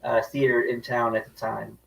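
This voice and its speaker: A man co-hosts a casual film chat in a measured, thoughtful tone. His voice sounds a little distant from the microphone. He speaks at a middling pitch. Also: level tone, creaky, a little hiss or hum. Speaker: co-host.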